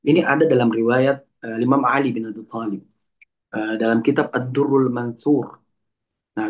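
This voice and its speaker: A man teaching as an Islamic lecturer over an online call, explaining patiently, reciting Arabic verses and restarting words. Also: mid-range voice. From Palembang. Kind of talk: religious lecture answering a question.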